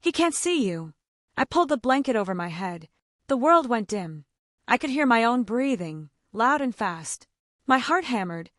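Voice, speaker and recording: A woman narrating a first-person story in a lively, expressive reading style. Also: on the high side, moderate pace, no echo, clean studio sound.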